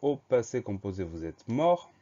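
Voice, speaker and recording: Man, low mellow voice, patient teacher spelling words out, dull lo-fi sound. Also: very animated. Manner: slow, methodical, spells words letter by letter. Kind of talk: dictation lesson.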